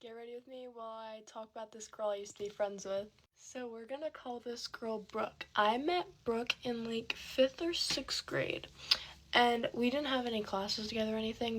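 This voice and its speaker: A woman telling a rambling storytime while getting ready, soft-spoken with many fillers, recorded on a phone set back from her. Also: fairly high pitch, a little hiss or hum. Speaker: vlogger.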